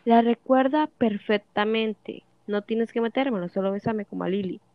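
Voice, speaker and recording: A woman's voice: fairly high pitch, normal speed, no room sound, narrow, tinny audio, lightly acted. A woman playing a jealous, bitter wife of fifty. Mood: furious. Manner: accusing, relentless questioning. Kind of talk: audiobook dialogue reading.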